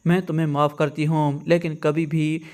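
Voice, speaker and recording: A man voicing a wronged young woman who forgives, in his own flat voice. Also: on the high side, lightly acted. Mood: calm.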